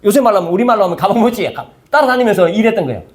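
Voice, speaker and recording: A man's voice: sits high, animated, very fast. A male pastor preaching a conversational sermon and often asking the congregation questions.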